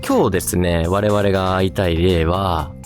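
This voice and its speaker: Outdoors at night in a seaside park, a man hosts a ghost-spot exploration, explaining the location and chatting casually with a companion. He speaks at a moderate pace in a low voice with fairly even intonation, and soft music plays in the background.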